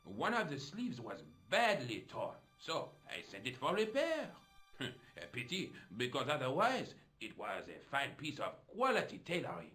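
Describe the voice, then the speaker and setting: A man's voice: mid-range voice, wildly swooping pitch, measured pace, sharp tone, soft background music, full character voice. A flamboyant French café man. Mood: theatrical. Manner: theatrical, melodramatic, fussy. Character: chatty eccentric French café man, middle-aged.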